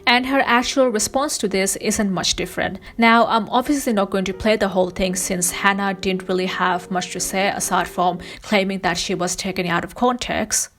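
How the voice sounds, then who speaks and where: A woman's voice: medium pitch, steady tone, moderate pace, few pauses, fairly bright tone. A woman narrates a scripted video essay in a mid-range voice. Her delivery is critical and pointed, picking apart what she describes. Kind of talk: scripted commentary.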